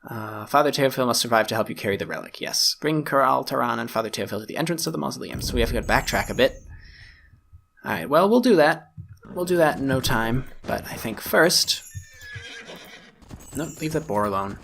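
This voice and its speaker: Guy chatting through a strategy game playthrough, gravelly voice, talking to himself, self-mocking. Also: medium pitch, expressive, brisk, a bit bright, slight background noise. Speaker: gaming YouTuber. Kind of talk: casual let's-play commentary.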